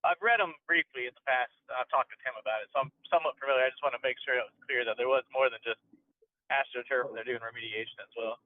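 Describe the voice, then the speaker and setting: A man calling in to a board meeting from his car over a speakerphone, asking questions in a quick, plain-spoken way. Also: medium pitch. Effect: car speakerphone call. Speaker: board member. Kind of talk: meeting discussion. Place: in a moving car. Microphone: phone dial-in. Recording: tinny, dry phone line.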